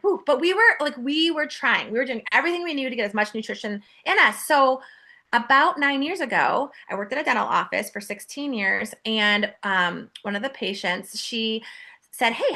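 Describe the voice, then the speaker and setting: A woman in her forties talks as a podcast guest, animated and chatty, full of fillers as she goes. Her voice is bright and sits fairly high. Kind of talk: casual interview chat.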